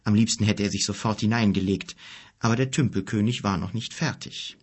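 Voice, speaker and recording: Male audiobook narrator, low husky voice, calm scripted storybook reading. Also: fairly quick.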